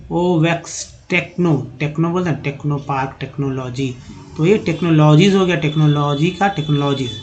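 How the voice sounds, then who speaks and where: A man teaching English pronunciation from slides, spelling words out letter by letter and repeating each syllable slowly, and he calls his viewers friends. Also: a little high. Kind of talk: slide-based pronunciation lesson. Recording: dull, lo-fi recording.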